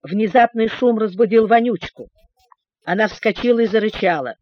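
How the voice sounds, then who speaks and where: A woman's voice: mid-range voice, normal speed, a little hiss or hum. Woman narrating a storybook. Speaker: audiobook narrator. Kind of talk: scripted narration. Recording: dull, dry recording.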